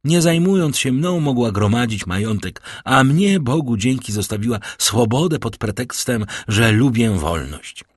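A man's voice: medium pitch, lively intonation, moderate pace, few pauses, no room sound, studio quality, natural voice. A man voicing a proud, scornful young woman who defies her father, in an audiobook reading. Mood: haughty defiance. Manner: cold, haughty, defiant.

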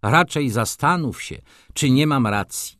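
A man's voice: mid-range voice, animated, a little slow, a bit bright, dry recording, studio quality. A man voicing a brusque, sardonic middle-aged doctor in an audiobook, scolding and ironic.

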